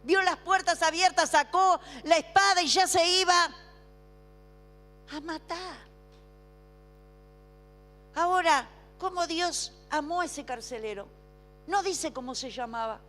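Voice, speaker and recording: A woman preaching a sermon, calling on the congregation to repeat after her and dropping to a hush for emphasis. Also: extremely high pitch. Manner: call-and-response, asks congregation to repeat; swings between emphatic slow declarations and hushed drops. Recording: long hall reverb with faint music.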